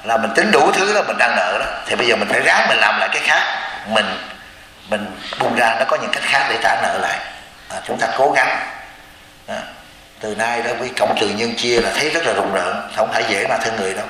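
A man's voice: fairly low pitch, lively intonation, brisk, sharp tone. A man, a Buddhist teacher preaching a sermon and keeps asking his listeners rhetorical questions. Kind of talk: sermon to a congregation. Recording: echoey hall with long reverb.

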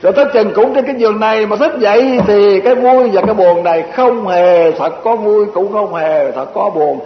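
High-voiced male preacher in echoey hall. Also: moderate pace. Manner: folksy, repetitive lists, chuckling asides. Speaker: Buddhist teacher. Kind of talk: dharma talk sermon. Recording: muffled echoey hall recording with faint hiss.

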